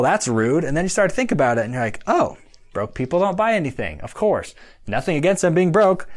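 A young man hosting a podcast, speaking in a casual monologue. He sounds upbeat, laughs often and acts out his past self. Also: medium pitch. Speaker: podcast host.

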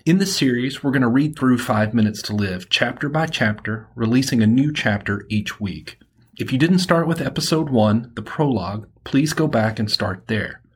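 A man from Alabama with a Southern accent and a slightly husky voice, presenting and reading as an author on his podcast. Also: mid-range voice, moderate pace. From Alabama, United States. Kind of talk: podcast introduction and audiobook-style first-person narration.

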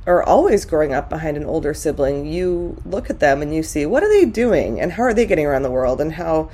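A woman's voice: low voice, expressive, fairly quick, mellow, husky. A middle-aged woman from California chatting candidly on a podcast, reflective, with many fillers. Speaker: guest. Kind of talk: casual podcast conversation.

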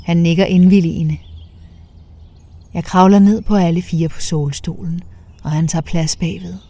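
A woman narrating a first-person story in a soft, half-whispered way. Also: lowish voice, little pitch movement.

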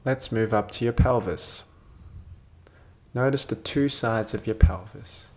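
A man narrating a guided sleep meditation in a soothing sleep-story manner, with gentle phrases that trail off softly and long pauses between them. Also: on the low side.

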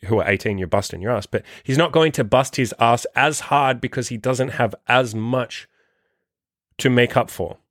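A man in his thirties with a medium-pitched voice hosts a dating coach podcast, recorded dry and at studio quality. In a solo motivational monologue, he speaks bluntly and emphatically, swearing a lot.

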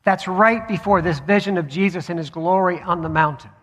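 A man preaching a sermon as pastor, measured, with deliberate pauses. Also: high-pitched, a bit bright. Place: church sanctuary. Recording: long hall reverb.

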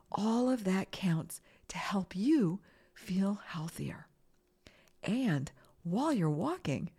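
A woman's voice: mid-range voice, darkish tone. A woman hosting a children's mindfulness podcast, giving simple, encouraging guided instructions. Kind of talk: guided mindfulness lesson with breathing exercises.

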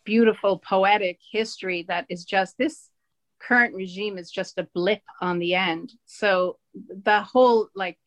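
An Irish woman in her forties, a guest in casual conversation, animated and emphatic, often laughing as she tells stories. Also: mid-range voice, a little slow, no echo. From Ireland.

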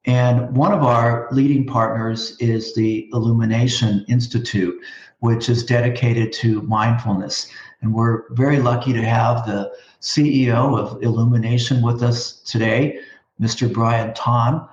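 Male host, interview show, measured delivery with fillers, roomy echo, muffled lo-fi sound. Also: medium pitch, fairly even intonation. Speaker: school district superintendent hosting a talk show. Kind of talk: hosted interview.

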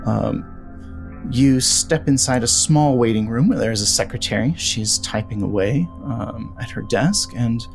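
A man narrating a tabletop horror role-play game as game master, relaxed with frequent ums. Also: mid-range voice, measured pace, vocal fry, soft background music.

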